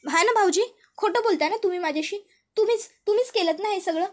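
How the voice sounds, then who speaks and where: A woman playing a scared aunt who stammers and begs, very high pitched, pressing and insistent, soap drama retelling. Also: fast. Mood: pleading accusing. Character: frightened middle-aged woman, stammering and pleading.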